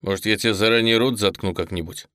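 Blunt young man, gruff and clipped, hushed delivery, performed by a man; dry, close audiobook booth. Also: lowish voice, fast, no room sound, lightly acted. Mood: tense.

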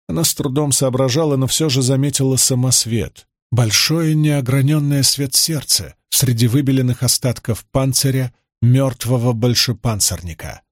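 A man reading a fantasy novel aloud as a measured, steady audiobook narrator. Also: medium pitch, no room sound, clean studio sound.

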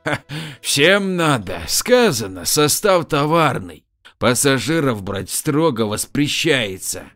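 A man voicing a pudgy, unshaven railway worker with a hoarse, gruff voice who perks up at a bribe. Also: medium pitch, sing-song, slow pace, fairly bright tone, dry recording, soft background music, pitched above the performer's own voice. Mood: dismissive. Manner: gruff, then eager over a bribe.

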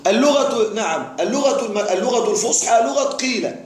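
This man speaks very high and fast, with an expressive delivery. He is teaching Arabic grammar to a class and keeps stopping to test his students with question after question, in a room that echoes and carries faint noise.

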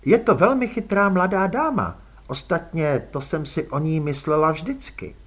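A man's voice: on the high side, animated, fairly bright tone. A man reading an audiobook and voicing an elegant, aristocratic female vampire who talks coolly and with poise. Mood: cool, poised. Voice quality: cool, poised, drawling. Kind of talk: audiobook character voice.

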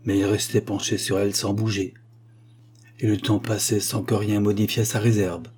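A man narrates a short story in audiobook style. His voice is mellow and a little breathy. He acts out the dialogue lightly and rises in pitch for the female characters. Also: little pitch movement, normal speed. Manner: gently acts out the dialogue, lifting his voice for the women's lines. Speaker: reader.

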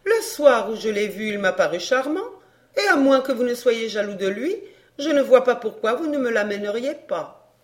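A woman voicing a proud, sharp countess. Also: fairly high pitch, expressive, normal speed, lightly acted. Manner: cool and teasing. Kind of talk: audiobook dialogue.

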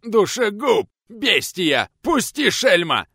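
A blustering bearded village craftsman sneers and whines in rough rustic speech, as a male narrator voices him. The voice climbs well above the reader's own, loud and strained. Close, dry recording. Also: big pitch swings, slow, dry recording, heavily acted. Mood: shrill pleading. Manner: shrill, whining and threatening in rustic speech.

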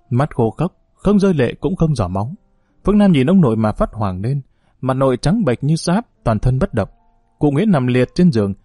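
A man reading a novel aloud as scripted audiobook narration, steady and measured. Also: mid-range voice, no echo, studio quality.

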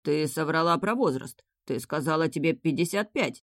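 A woman's voice: sits low, expressive, no room sound, clean studio sound. A woman reading as a flustered smitten king. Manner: halting, hoarse.

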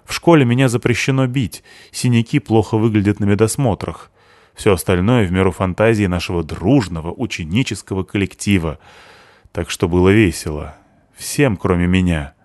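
A man's voice: sits low, normal speed, darkish tone, no echo, studio quality, natural voice. A man voicing a sarcastic teenage girl. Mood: bitter. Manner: bitter, sarcastic. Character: sullen sharp-tongued teenage girl, seventeen.

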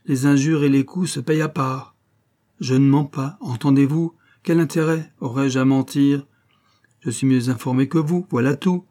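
A man's voice: mid-range voice, fairly even intonation, normal speed, mellow, voice pushed up, close to an everyday voice. A man voicing a sly, mocking old male law clerk in an audiobook, with a sneering, ironic manner.

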